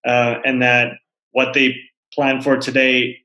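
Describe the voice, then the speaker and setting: A man's voice: medium pitch, monotone, takes it slowly, sharp tone, dull audio. A man hosting an interview, a personal trainer himself, asking long questions and repeating words as he forms them. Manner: searching, repeats words while forming questions. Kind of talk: conversational interviewing. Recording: roomy echo.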